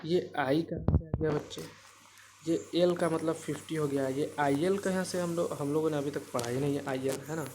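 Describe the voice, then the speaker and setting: A man's voice: on the high side, steady tone, normal speed, very noisy. A man teaching a math worksheet to children, patiently repeating himself and constantly asking "right?" to check they follow. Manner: addresses viewers as kids, patient and drawn out. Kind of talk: classroom-style worksheet explanation.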